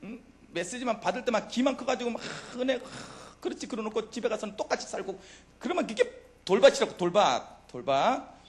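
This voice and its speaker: A man's voice: high voice, expressive, a little fast. A middle-aged man preaching a youth worship sermon, who keeps asking the congregation questions and answering them himself. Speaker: pastor.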